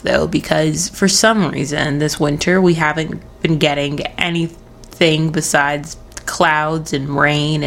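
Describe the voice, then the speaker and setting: Deep and creaky yet fairly bright in tone, a young adult woman's voice carries her casual solo podcast, which she records at home early in the morning. She rambles, giggles and cuts herself off while losing her voice, and there's slight background noise.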